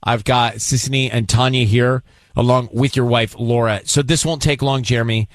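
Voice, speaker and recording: A man hosting a radio show, talking in a smooth radio host delivery, calm and measured as he leads a call from the studio. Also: medium pitch, dry recording. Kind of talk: radio prank call segment.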